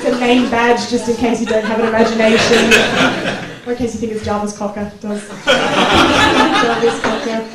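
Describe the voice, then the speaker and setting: A young Australian woman performing a stand-up comedy set, chatty and self-mocking, breaking into loud giddy bits. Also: fairly high pitch, little pitch movement, moderate pace, very noisy. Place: small comedy club stage. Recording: echoey club recording from far off.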